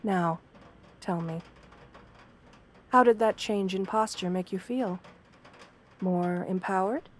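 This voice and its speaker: Lightly acting the part, a woman becomes a wolf-girl therapist in an ASMR roleplay, her soft voice at a medium female pitch with a faint hiss or hum. Measured, formal wording meets a gentle, understanding manner that stays professional, calm, reassuring and guiding.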